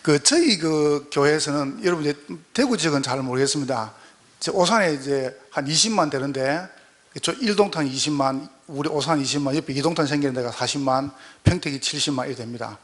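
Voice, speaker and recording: A man's voice: a little high, brisk. A man with a Gyeongsang accent, a pastor giving a folksy, joking lecture at a training session. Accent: Gyeongsang dialect.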